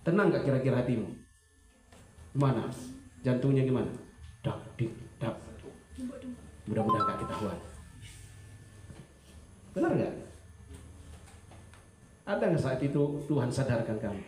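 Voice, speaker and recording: A man's voice: mid-range voice, moderate pace, long pauses. Man, school sermon, questions the students, echoey room, faint background hum. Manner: lively, asks the students questions, acts out teachers. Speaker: school chaplain preaching to students.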